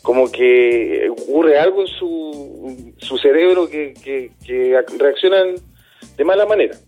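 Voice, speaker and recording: A man, a dismissed youth care worker, answering in a radio interview in an earnest, halting way, often repeating words. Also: mid-range voice, animated, mellow, lo-fi sound, soft background music.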